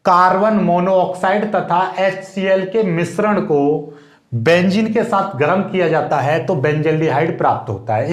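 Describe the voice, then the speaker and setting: Guy teaching chemistry for board exams, kinda high voice, echoey room, asks the class stuff as he goes. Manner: explains step by step with questions to the students. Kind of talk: board exam lecture.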